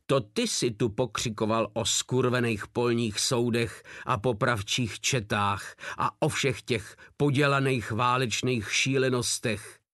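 A man's voice: mid-range voice, steady tone, few pauses, fairly bright tone, no echo, clean studio sound, natural voice. A man voicing a huge, crude soldier who mocks and threatens coldly, read as an audiobook. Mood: sneering. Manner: coldly mocking, foul-mouthed.

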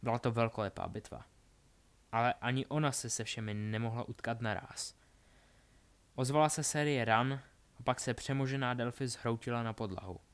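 Brief: male storyteller, steady plain narration, mid pitch. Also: clean tone. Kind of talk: reading a story aloud.

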